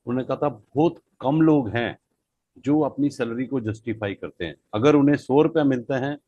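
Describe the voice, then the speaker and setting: A man's voice: medium pitch, normal speed, slightly rough, no echo, muffled recording. A man hosting the talk, thanking and praising the guest effusively. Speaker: host.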